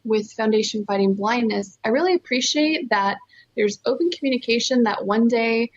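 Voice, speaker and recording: Speaking as an interview guest, this nonprofit fundraiser from California, originally born in Costa Rica, shares her story earnestly and with emphatic enthusiasm. Her voice is a little high and her pace moderate, though the recording is muffled.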